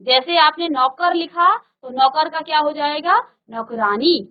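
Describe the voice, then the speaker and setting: A woman teaching a grammar lesson to a virtual class, slowly and patiently, repeating word pairs and asking the class questions. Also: sits high, highs cut off. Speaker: Hindi teacher. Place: studio.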